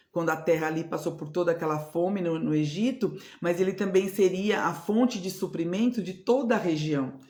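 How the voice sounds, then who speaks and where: A woman with a Brazilian Portuguese accent, a spiritual mentor giving a devotional teaching talk in an earnest, repetitive way, often checking in with tag questions. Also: on the low side. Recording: roomy echo.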